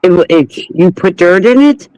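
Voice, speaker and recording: A man's voice: sits high, expressive, moderate pace, darkish tone, dry recording, dull audio. A middle-aged man in casual group chat, needling others with skeptical, repeated questions.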